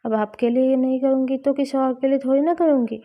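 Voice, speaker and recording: A woman's voice: sits high, fairly even intonation, brisk, close to an everyday voice. A woman voicing a playful, affectionate young college woman who teases and coaxes her girlfriend, read out in a storybook. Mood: teasing. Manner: teasing, coaxing. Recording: slightly dull lo-fi recording.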